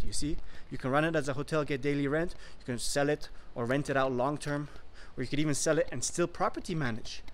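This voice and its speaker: A young man hosting a property vlog, speaking persuasively to a phone held at arm's length outdoors at a sunny mountain resort. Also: a little hiss or hum. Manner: upbeat and persuasive, pitching to investors. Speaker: real estate investor and vlog host. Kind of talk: enthusiastic sales vlog to camera. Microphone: phone held at arm's length, selfie video.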